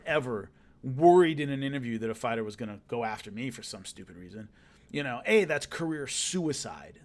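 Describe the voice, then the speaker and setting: A middle-aged man breaking down fights alone as a combat sports analyst, talking bluntly and with emphasis, swearing casually. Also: on the high side. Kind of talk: solo post-fight breakdown.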